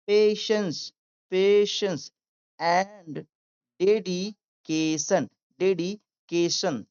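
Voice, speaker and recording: A woman teacher with an Indian accent, reading English words aloud slowly and repeating each one before explaining it in Hindi. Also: lowish voice, darkish tone, muffled recording. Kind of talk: slow step-by-step reading lesson.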